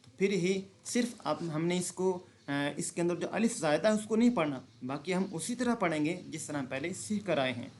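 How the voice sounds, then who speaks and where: A man teaching Quran reading, explaining pronunciation rules and then slowly reciting words, often asking and answering his own questions. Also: high voice, lively intonation, a little hiss or hum. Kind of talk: slow recitation lesson.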